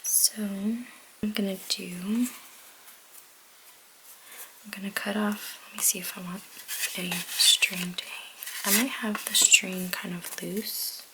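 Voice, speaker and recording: Woman, whispering, slow pace, hesitant with ums, craft tutorial, background hiss. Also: mid-range voice, fairly even intonation. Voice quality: whispering softly. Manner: slow, hesitant with many ums, thinking aloud. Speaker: card-making crafter. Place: home crafting desk, baby asleep nearby.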